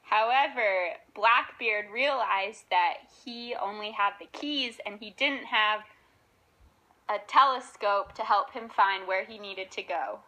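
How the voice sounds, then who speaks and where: A woman's voice: mid-range voice, slow pace, bright, forceful tone, poor audio. A woman narrating a cartoon story in a simple, earnest way.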